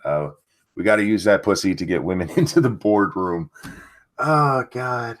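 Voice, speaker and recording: Reading out the chat and an article on his livestream, the older host tears into the material with sarcastic, crude jabs and plenty of swearing. He has a lowish voice and talks at normal speed.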